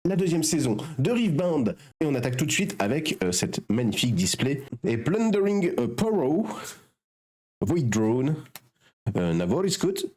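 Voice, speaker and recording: A man's voice: medium pitch, sing-song, unhurried, darkish tone. A man hosting a pack-opening show, chatting casually with many fillers as he shows each card. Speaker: host.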